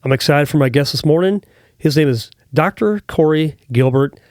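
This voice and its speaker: In a studio, a male podcast host conducts a casual interview, chatty and friendly with frequent fillers. His voice leans high and a little mellow, at a moderate pace, recorded on a studio mic with no echo.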